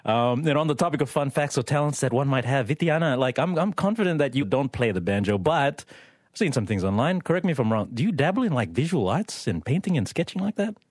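A male radio host talks with his guests in an easy, slangy, conversational way. His voice sits at a middle pitch and sounds close and dry, with no room echo. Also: quick pace, breathy edge. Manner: relaxed, chatty, with slang. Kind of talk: casual radio interview.

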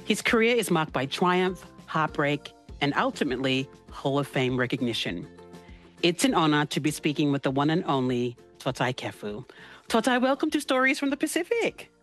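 A woman's voice: deep voice, sing-song, moderate pace, fairly bright tone, faint music behind. A woman hosting a radio interview, with a polished scripted intro and friendly, curious questions.

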